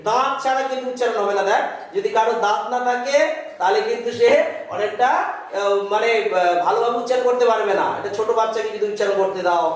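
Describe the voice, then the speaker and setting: High-voiced man teaching in an echoey room. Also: fast talker. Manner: asks questions and answers them himself, repeats for drill. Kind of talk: spoken lesson to students.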